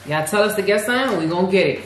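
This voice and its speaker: A woman co-hosting a casual food vlog, talking excitedly to viewers and calling them y'all. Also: mid-range voice, racing, roomy sound, a little hiss or hum. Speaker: channel co-host. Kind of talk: casual mukbang vlog chat.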